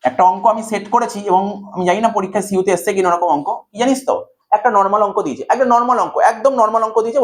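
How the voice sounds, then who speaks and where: Bengali guy tutoring finance, high-pitched and quick, keeps asking "okay?". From India. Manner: coaxing, repeats checks like "okay?" to students. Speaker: commerce tutor. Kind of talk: whiteboard math lecture.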